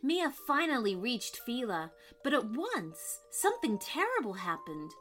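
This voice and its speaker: A woman narrating a scripted children's story in an expressive, dramatic way. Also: a little high, a little slow. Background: background music.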